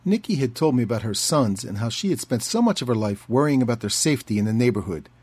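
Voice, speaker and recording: A man reading a scripted documentary narration in a measured, even way. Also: mid-range voice, breathy edge. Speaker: narrator and reporter.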